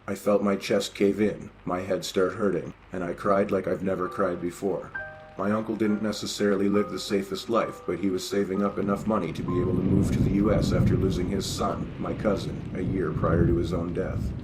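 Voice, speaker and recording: Deep-voiced man reading scary stories. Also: low-quality recording. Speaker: story reader. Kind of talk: scripted horror story narration.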